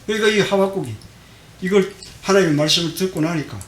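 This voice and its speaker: A middle-aged male pastor giving a Sunday sermon, swinging between quiet and loud and asking the congregation questions. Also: fast. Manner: dramatic swings in loudness, acting out the prophet's complaints. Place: church sanctuary. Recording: echoey church hall with faint rumble.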